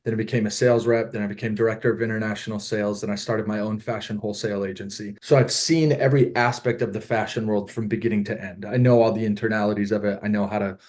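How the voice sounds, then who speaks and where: A man's voice: on the low side, steady tone, fast, hardly any pauses, darkish tone. A middle-aged man from Southern California, a podcast guest on a video call, telling his story in an earnest, reflective way. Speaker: podcast guest, apparel founder. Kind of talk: casual interview storytelling.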